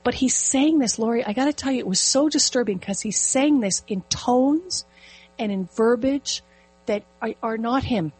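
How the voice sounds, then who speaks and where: A middle-aged woman telling a personal story in casual conversation, animated and vivid. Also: fairly high pitch, normal speed, husky, no echo, low-quality recording. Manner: animated, storytelling with quoted inner speech. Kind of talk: casual chat.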